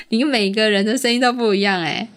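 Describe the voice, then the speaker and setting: A woman's voice: on the high side, animated, moderate pace, a bit bright. A woman, patiently explaining a story to her young daughter, asking questions and laughing often. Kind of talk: casual storytelling chat with a child.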